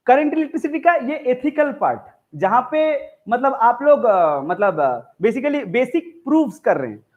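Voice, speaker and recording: A male teacher giving a live physics lecture to a classroom in a chatty, joking way, often quizzing his students. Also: extremely high pitch. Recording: tinny phone-like sound.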